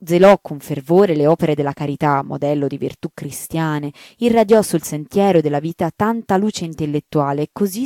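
A woman reading a serialized story aloud for radio in a measured, theatrical way. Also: low-pitched, dark tone, dry recording, studio quality. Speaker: story reader.

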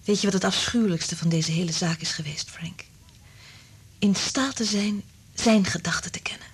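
Performing a radio drama role, an actress portrays an anguished, embittered married woman with intense, confiding delivery. Her voice is breathy and husky at a fairly low pitch, falling to whispers at normal speed.

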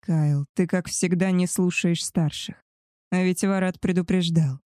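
A woman voicing a cold, commanding male alpha werewolf leader who speaks in a stern, firm, measured way. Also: on the low side, fairly even intonation, mellow, no echo, clean studio sound, lightly acted.

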